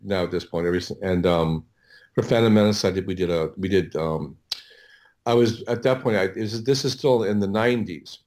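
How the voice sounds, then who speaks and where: In a casual interview, a middle-aged man who works as an audio producer tells stories, halting and rambling as he repeats and restarts his words. His voice sits low, with a darkish tone.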